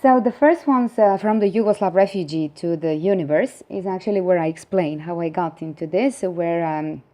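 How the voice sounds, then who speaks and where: A woman's voice: fairly low pitch, normal speed, hardly any pauses, warm tone. A middle-aged woman from Croatia with a Croatian accent talks earnestly to camera, rambling with many fillers and restarts. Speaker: vlogger. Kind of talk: casual monologue to camera.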